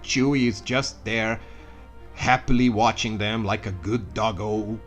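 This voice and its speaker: A man's voice: on the low side, fairly even intonation, a little slow, fairly bright tone, lo-fi sound, soft background music. A man narrating a comedic retelling of a story with sarcastic asides and mock outbursts.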